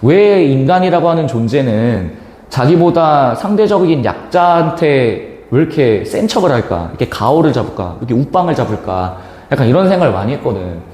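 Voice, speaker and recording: Animated man lecturing in an echoey classroom. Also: a little high, slight background noise. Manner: animated, slangy, acts out quoted voices. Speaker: Korean literature lecturer. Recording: echoey classroom with long reverb.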